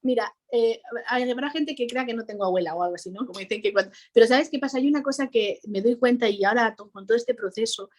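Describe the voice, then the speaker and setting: A woman's voice: fairly high pitch, fast talker, few pauses. A woman, a cheerful interview guest who laughs often while recounting a personal story in conversation.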